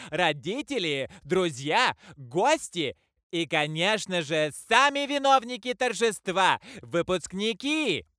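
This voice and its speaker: A male ceremony announcer with a high, bright voice that swings widely in pitch. He declaims slowly and festively, stretching each phrase. The sound is dry and close. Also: clear, resonant tone, dry recording.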